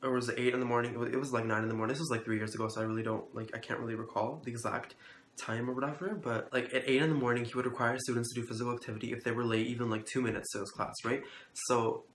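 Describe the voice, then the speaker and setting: A young man tells a story straight to camera, rambling and loose, with "like" dropped into nearly every phrase and plenty of swearing. His voice sits at an ordinary middle pitch. The room around him rings with echo, and a faint ambient hum runs underneath. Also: steady tone, racing, a bit bright. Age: young adult. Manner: rambling, heavy use of "like", profane, incredulous. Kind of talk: casual storytelling vlog.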